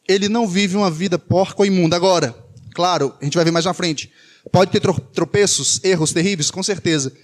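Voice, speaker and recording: A Brazilian man preaches in a high voice. He speaks with emphasis, repeats his key phrases, and poses rhetorical questions to the congregation. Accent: Brazilian Portuguese. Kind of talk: sermon.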